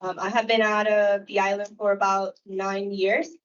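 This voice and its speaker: A woman's voice: medium pitch, level tone, normal speed, fairly bright tone. Puerto Rican woman, hesitant, distant mic. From Puerto Rico. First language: Spanish. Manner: frequent hesitant fillers. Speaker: uniformed officer at a recruitment event. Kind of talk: casual public talk. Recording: distant, muffled room recording.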